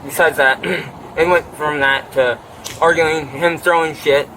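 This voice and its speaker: A man questioned outdoors by a deputy, retelling a fight in a rambling, profane way and often clearing his throat, picked up by a body camera. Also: a little high, fairly even intonation, a little slow, pushed and bright. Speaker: witness interviewed by deputy. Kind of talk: bodycam interview, agitated retelling. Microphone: officer's body camera. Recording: noisy outdoor bodycam audio.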